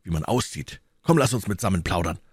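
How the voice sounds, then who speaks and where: A man's voice: low voice, expressive, brisk, husky, no echo, clean studio sound, pitched below the performer's own voice. A man voicing a world-weary, hard-drinking musketeer, speaking in a grandly theatrical way. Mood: mocking. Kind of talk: audiobook character voice.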